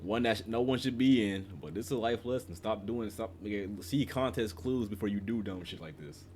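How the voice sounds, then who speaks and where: A man's voice: fairly low pitch, brisk, darkish tone, a little hiss or hum. A man giving casual, crude, slangy reaction commentary to a story video. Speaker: reaction streamer.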